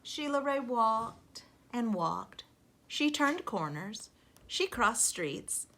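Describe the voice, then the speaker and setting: A woman teacher reading a storybook aloud to young children, expressive and emphatic, speaking to them directly. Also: fairly high pitch, slow pace.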